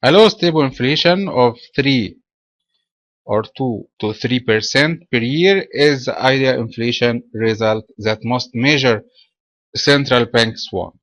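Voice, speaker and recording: A man's voice: mid-range voice, measured pace, fairly bright tone, no echo, muffled recording. Egyptian man giving a dry, close webinar. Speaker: webinar presenter. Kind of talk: trading webinar lecture.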